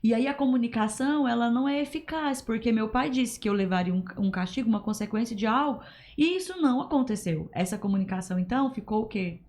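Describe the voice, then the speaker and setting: A woman's voice: fairly high pitch, lively intonation, quick pace, darkish tone. A woman talking earnestly as a podcast guest, explaining her points. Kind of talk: casual podcast chat.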